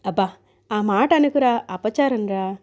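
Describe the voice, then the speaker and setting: A woman's voice: mid-range voice, unhurried, darkish tone, natural voice. A woman reading a story aloud, voicing a fussy, devout old mother-in-law who scolds and frets. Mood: scolding. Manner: scolding, fretful. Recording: dull lo-fi recording.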